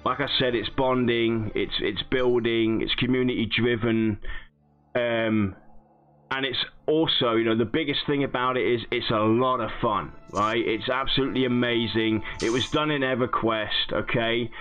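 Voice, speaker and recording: A man's voice: medium pitch, moderate pace, narrow, tinny audio, soft background music. A man hosting a casual debate show, chatting and bantering with his co-host. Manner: bantering, mock-indignant when interrupted. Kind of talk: casual podcast chat.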